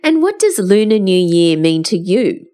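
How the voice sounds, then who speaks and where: A woman hosting a podcast, reading a scripted introduction, then asking questions with an emphatic, lively manner. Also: mid-range voice, a little slow. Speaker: podcast host.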